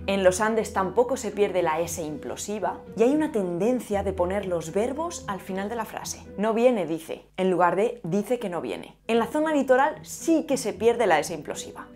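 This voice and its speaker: A woman's voice: medium pitch, a little mellow. A woman with a Spain Spanish accent hosting a lesson video, playfully demonstrating pronunciations. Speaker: linguistics video host.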